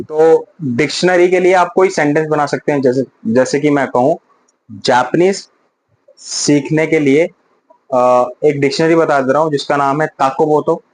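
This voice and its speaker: A man teaching Japanese vocabulary in a casual lesson, repeating example sentences slowly and loudly. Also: medium pitch, low-quality recording.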